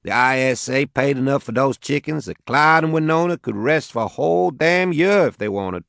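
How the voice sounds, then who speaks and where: A man's voice: medium pitch, animated, moderate pace, creaky, fairly bright tone, no room sound, clean studio sound, voice pushed up. A male narrator voicing a blunt, crude farmer from the rural American South, with a Southern accent, curse words and all. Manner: crude, blunt, folksy cursing.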